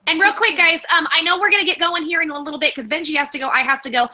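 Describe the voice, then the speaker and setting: A brash woman hosting a livestream, joking and swearing freely with her guests. Her voice sits high and sounds very bright. She talks in a loose, casual chat style. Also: fairly even intonation, racing, poor audio. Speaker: livestream host.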